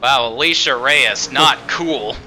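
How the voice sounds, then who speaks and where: A man's voice: medium pitch, slow, sharp tone, a little hiss or hum. A man hosting casual live sim racing commentary as race commentator.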